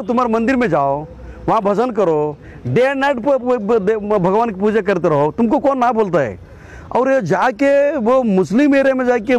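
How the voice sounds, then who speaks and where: This man's voice is high and a little mellow, and his Hindi carries a Karnataka accent. A political activist and state president of an organisation, he delivers a combative, impassioned statement, often repeating his phrases.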